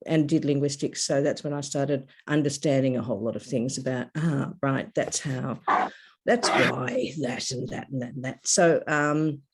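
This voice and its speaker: A woman, a workshop participant, speaking reflectively and haltingly on a video call. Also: a bass voice, breathy edge. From Australia. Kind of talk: casual discussion on a video call. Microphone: laptop webcam on a video call.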